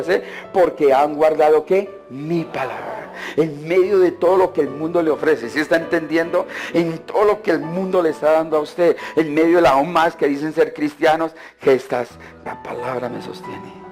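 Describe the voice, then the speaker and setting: A man's voice: on the high side, darkish tone. Man preaching with probing questions. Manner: acts out churchgoers in mocking voices. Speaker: pastor. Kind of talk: sermon. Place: church.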